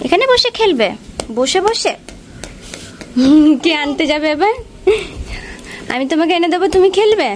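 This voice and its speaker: A high-voiced woman from West Bengal, hoarse with a cold, talks casually to her vlog viewers and coaxes her little daughter in a soft, patient way. A faint hiss of background noise sits behind her voice. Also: animated, moderate pace, pauses often. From West Bengal, India. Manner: coaxing, talks gently to her small daughter. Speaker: vlogger mother. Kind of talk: casual home vlog talk to camera and child.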